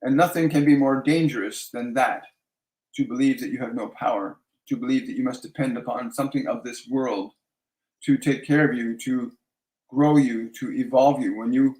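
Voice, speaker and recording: A man hosting a live-stream Q&A as a spiritual medium, giving slow, soothing guided instructions and repeating each one twice. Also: medium pitch, fairly even intonation, darkish tone. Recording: roomy echo.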